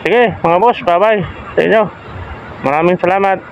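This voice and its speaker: A Filipino man with a slightly high voice talks casually to his viewers. His speech is that of someone missing lower front teeth, halting and repetitive as he searches for words. Clear background noise with chirping insects surrounds him. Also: dull audio. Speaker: vlogger showing a homemade pump-type air gun. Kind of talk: casual hands-on explanation.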